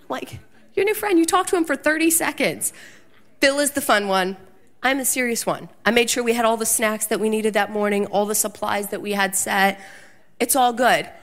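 A woman preaching a sermon, telling a personal story in an animated way and acting out the quotes. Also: on the high side.

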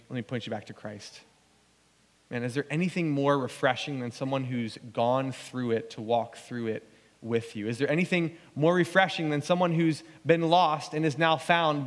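A man preaching a sermon as pastor, earnest and conversational, often restarting his phrases. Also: mid-range voice. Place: church sanctuary. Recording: long church hall reverb.

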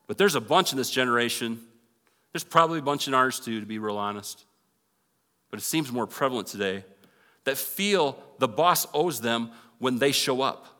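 Earnest bright-voiced male pastor. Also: mid-range voice, expressive, normal speed, in a large hall. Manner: earnest, conversational, building to fervent prayer. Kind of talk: sermon and closing prayer. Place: church sanctuary.

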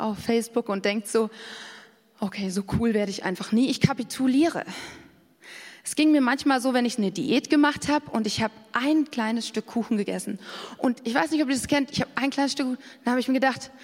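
A woman with a somewhat high voice preaches in a candid, self-revealing way, now and then acting out the voices she quotes. Her voice carries a long reverb, as in a large hall. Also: fairly quick. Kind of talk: sermon.

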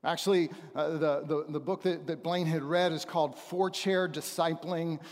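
A middle-aged man speaking as a visiting preacher, giving a church testimony in a halting, conversational way with pauses for emphasis. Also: on the high side, steady tone, a little mellow. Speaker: visiting preacher and missionary trainer. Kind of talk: church testimony, sermon to a congregation. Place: large church auditorium, speaking from a stage. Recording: reverberant hall sound.

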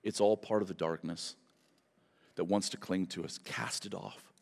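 A man's voice: sits low, steady tone, normal speed, creaky, darkish tone, breathy edge. A man preaching a sermon at a pulpit microphone, emphatic, with repeated phrases and rhetorical questions. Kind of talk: sermon to a congregation. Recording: reverberant hall.

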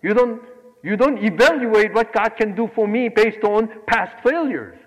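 A man from Korea preaching a sermon, animated, swinging between loud exclamations and quiet asides. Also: high voice, measured pace, big-room sound, low-quality recording. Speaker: pastor.

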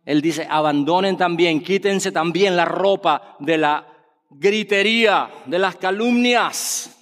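A man's voice: on the high side, fairly bright tone. A man preaching a sermon, projecting his voice and asking the congregation rhetorical questions. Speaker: pastor. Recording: long reverb of a church hall.

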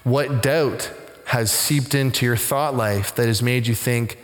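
A middle-aged man, a pastor, telling a story in a conversational sermon and growing animated as he recounts it. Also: unhurried. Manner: conversational, animated when retelling, rising pitch in excitement. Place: church sanctuary. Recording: long hall reverb in a church.

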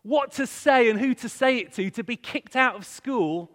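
A man's voice: extremely high pitch, lively intonation, moderate pace, fairly bright tone. A man with a northern English accent giving a sermon-style talk, telling stories and putting conversational questions to his congregation. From Hull, England. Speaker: guest speaker at a church. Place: large church hall, live talk to a congregation. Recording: echoey hall with long reverb.

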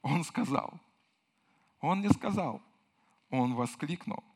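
A male pastor preaching a sermon with fervor. He repeats phrases for emphasis and swings from hushed tones to loud cries. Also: on the high side, lively intonation, takes it slowly, husky.

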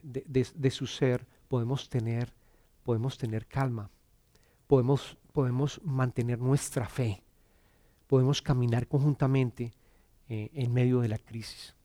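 A middle-aged Colombian man with a Bogotá accent shares his personal testimony in church. He speaks earnestly but haltingly, often repeating words and starting over. His voice is mid-range with a dark tone.

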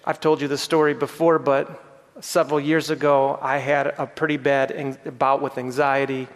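A man's voice: mid-range voice, little pitch movement, moderate pace. A middle-aged man preaching a sermon as pastor, earnest and repeating phrases for emphasis. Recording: long hall reverb.

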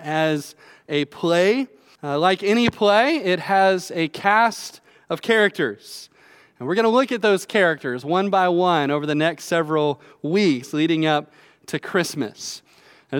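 A man's voice: sits high, fairly bright tone, clean tone. A man preaching a sermon as pastor from a church stage at a pulpit microphone, in a chatty, conversational way with filler words.

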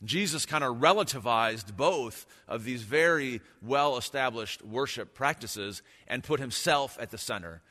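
Male pastor at a pulpit microphone, reflective conversational sermon, bright tone, reverberant church. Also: medium pitch, expressive, measured pace, few pauses. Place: church sanctuary. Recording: long church hall reverb.

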